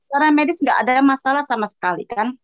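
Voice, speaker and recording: A woman's voice: high-pitched, fast. A woman guest telling her own story in casual chat, acting out what she cried and heard along the way. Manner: animated, acts out her own cries and sounds. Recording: dull lo-fi voice message.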